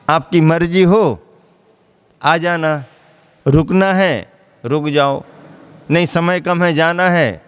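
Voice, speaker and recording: A male preacher with a slightly raised voice delivers his sermon at an unhurried pace. His delivery is smooth and resonant. He repeats his main lines and answers his own questions. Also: fairly high pitch, in a large hall. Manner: slow, measured, repeats key phrases, asks and answers own questions. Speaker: Jain monk preacher.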